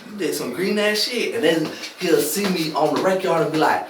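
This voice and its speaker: A young man tells a story in lively street slang and acts out every voice in it. His voice sits fairly high. The sound is roomy and distant, with a faint hiss underneath. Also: normal speed. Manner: animated slang-heavy storytelling, acts out quotes. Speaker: former inmate telling a story. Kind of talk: casual storytelling chat. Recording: echoey room, mic at a distance, faint hiss.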